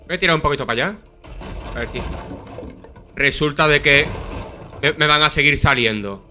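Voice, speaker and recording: A man's voice: a little high, normal speed, sharp tone, a little hiss or hum. A man with a Spain Spanish accent giving casual gameplay commentary, swearing often and chatting to viewers, his throat sore from coughing. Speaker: gameplay streamer.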